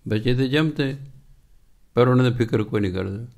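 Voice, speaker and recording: A man with a Punjabi accent and a medium-pitched, gravelly voice preaches a Sikh scripture sermon. He chants verses slowly, then breaks into lively rhetorical questions and acted-out everyday conversations.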